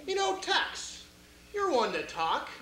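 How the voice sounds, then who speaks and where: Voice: high-pitched, sing-song, slow pace, bright, forceful tone, heavily acted. An actor playing a haughty, indignant doctor in an amateur stage comedy-mystery, trading cutting insults. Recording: echoey stage with faint noise.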